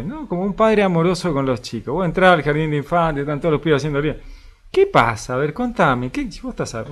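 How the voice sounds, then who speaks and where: A man with an Argentine Spanish accent and a slightly high voice leads a relaxed Bible study, reading passages aloud and commenting between them. He's lively and conversational, often ending with a questioning tag and stretching out a drawn filler.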